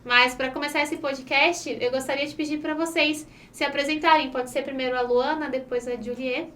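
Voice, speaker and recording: Young brazilian woman hosting a podcast, high voice, sounds a bit off-mic with faint noise. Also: fairly even intonation, normal speed, a bit bright, far from the mic. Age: 20s. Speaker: podcast host. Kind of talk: casual podcast chat.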